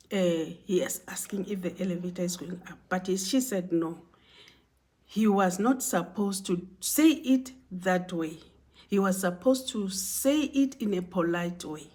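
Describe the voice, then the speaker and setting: Slow-talking woman telling a story. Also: mid-range voice, mellow. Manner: conversational, repeats phrases, many "you know" and "and then". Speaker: vlogger telling a workplace story. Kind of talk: casual storytelling.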